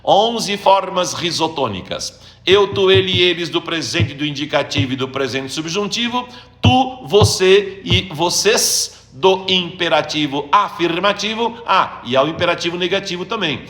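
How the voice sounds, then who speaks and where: A man's voice: sits high, expressive, a little slow, fairly bright tone, echoey room. A man teaching grammar on a live stream, answering viewers' questions, greeting them by name, and thinking aloud as he looks things up. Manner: explains step by step, checks understanding. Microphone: phone or computer during a live stream.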